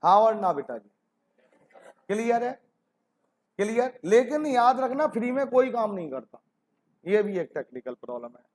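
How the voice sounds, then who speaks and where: A man's voice: high-pitched, very animated, normal speed, pauses often. A man teaching an accounting lesson, fondly calling students "beta ji" and asking rhetorical questions.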